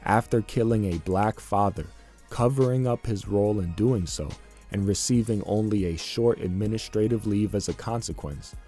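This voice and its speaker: A man narrating scripted commentary in an indignant, deliberate tone. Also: lowish voice, dark tone.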